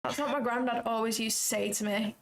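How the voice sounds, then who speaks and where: A woman's voice: on the high side, fairly even intonation, fairly quick, background noise. A woman hosting a trading livestream, chatting casually, giggling and swearing freely. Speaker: livestream host and futures trader.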